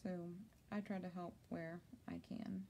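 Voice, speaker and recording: A young crafter live-streams a tumbler tutorial from her home craft office, chatting casually as she works, responding to viewers and laughing a lot. She speaks unhurriedly in a fairly low, steady, mellow voice against slight background noise.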